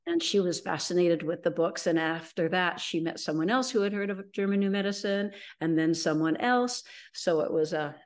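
A middle-aged woman with a lowish voice recounts her experiences as an interview guest. She rambles, restarts sentences and fills her pauses with ums as she goes. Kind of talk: conversational storytelling.

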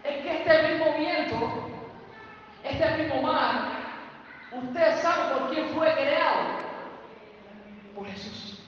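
A man's voice: extremely high pitch, slow, pauses often, fairly bright tone, a little hiss or hum. A man with a Cuban accent preaching a sermon and telling scripture stories in his own words. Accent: Cuban Spanish. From Cuba. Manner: vivid storytelling, retells scripture scenes. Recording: echoey hall, distant mic, dull sound.

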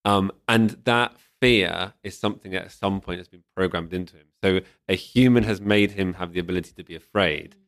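A man's voice: low voice, brisk, few pauses, fairly bright tone, dry recording, clean studio sound. A man in casual podcast conversation, thoughtfully picking apart a film's themes with frequent restarts. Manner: thoughtful, analytical, many restarts. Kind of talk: casual film discussion.

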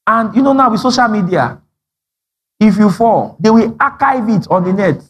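Lively pastor, slightly high voice. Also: male voice, normal speed, slightly rough. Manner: animated storytelling, acting out dialogue, frequent laughter. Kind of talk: sermon.

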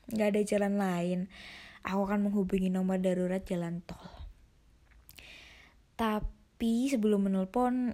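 Woman storyteller, scripted horror narration, hushed and half-whispered, mid-pitched.

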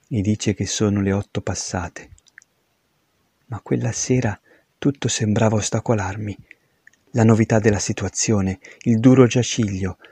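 A man narrating an audiobook in a steady, measured reading. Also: lowish voice, breathy edge, no room sound.

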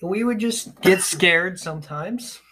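A man's voice: high voice, slow, a little hiss or hum. A young man hosting a podcast, telling stories in casual chat with frequent laughs. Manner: animated, laughing storyteller. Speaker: podcast host.

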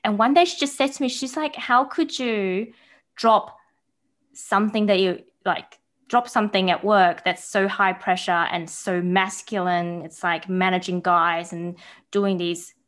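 A bubbly woman in her thirties, born in Taiwan, whose speech carries an Australian accent. She talks as an interview guest, lively and animated, now and then acting out the voices of people she quotes. Her voice sits at a middle height for a woman. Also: medium pitch, measured pace. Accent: New Zealand and Australian. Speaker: podcast guest. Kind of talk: casual interview chat.

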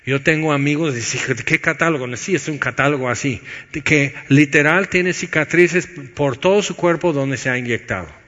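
A man preaches a sermon in a large church hall, his voice sitting a little high. He swings from loud urging to hushed, low-voiced emphasis. The sound is dull and carries a long reverb from the room. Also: moderate pace.

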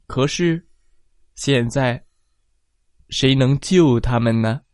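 A storyteller reading a children's story aloud, slow and expressive, adding sound effects. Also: medium pitch, no echo.

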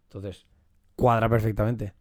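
A man's voice: on the low side, little pitch movement, a little slow, no room sound, studio quality. A man with a Spanish accent from Spain, chatting casually in a slangy, jokey way as a podcast co-host. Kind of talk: casual chat.

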